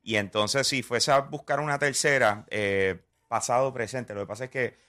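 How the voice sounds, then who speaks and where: A man's voice: medium pitch, moderate pace, bright, forceful tone. A man, a guest in a casual chat, easygoing and rambling. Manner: easygoing, rambling, many fillers.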